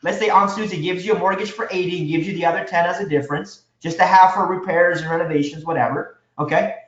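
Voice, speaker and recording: Energetic high-voiced man teaching a seminar. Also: fast. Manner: energetic, quizzes the audience with questions. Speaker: real estate instructor. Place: seminar room with a live audience. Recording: echoey room, dull lo-fi sound.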